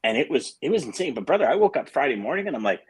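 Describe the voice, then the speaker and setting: A man's voice: medium pitch, very animated, very fast, husky. A middle-aged man hosting a casual morning show, talking in a rambling way with restarts and fillers. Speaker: host.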